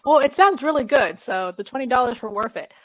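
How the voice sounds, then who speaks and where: A woman hosting a drawing livestream, talking loosely and laughing a lot between thoughts. Her voice sits fairly high and sounds dry and close. The sound is squeezed into a thin, phone-like band. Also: lively intonation, fast, no echo. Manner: chatty, laughs often, talks while drawing. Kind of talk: casual livestream chat. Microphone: computer mic she adjusts.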